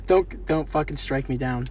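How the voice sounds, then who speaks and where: A man's voice: on the high side, slow, slight background noise. A young man co-hosting a podcast, joking around and laughing through crude banter. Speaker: podcast co-host. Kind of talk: casual chat.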